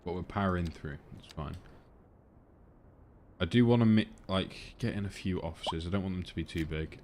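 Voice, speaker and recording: A man's voice: low voice, normal speed, darkish tone, a little hiss or hum. A tired, hungover British man giving casual, rambling gameplay commentary as he thinks aloud. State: hungover and tired, on four hours' sleep. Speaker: gaming video host.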